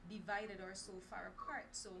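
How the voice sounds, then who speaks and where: Kittitian woman, panel discussion, earnest, mid pitch, heavy background noise. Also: fairly even intonation, moderate pace, gravelly. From Saint Kitts. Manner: earnest, reflective.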